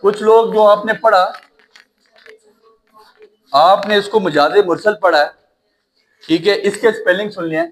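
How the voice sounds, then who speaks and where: A man teaches grammar in a lecture, and his voice sits noticeably high. He keeps checking whether students follow and slows down to spell out terms. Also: steady tone. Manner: repeats checks like "right?", calls students "child", spells slowly. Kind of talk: classroom lecture.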